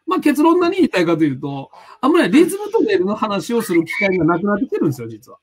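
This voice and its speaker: A man's voice: high voice, wildly swooping pitch, fast talker, breathy edge. A man with a Tsugaru dialect accent, hosting a casual live-stream chat as a lecturer, rambling and hunting for words with lots of fillers. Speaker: host, personality psychology lecturer.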